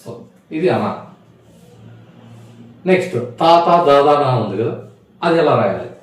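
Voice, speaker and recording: A man teaching how to write letters, repeating each sound slowly and patiently as he writes. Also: medium pitch, lively intonation. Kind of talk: writing-board lesson on Tamil letters. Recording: echoey room, voice from far off the mic.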